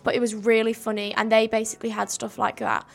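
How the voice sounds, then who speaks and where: A woman's voice: a little high, level tone, quick pace, vocal fry. A young woman co-hosting a homemade radio show, speaking earnestly in long run-on sentences. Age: young adult. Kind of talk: casual discussion.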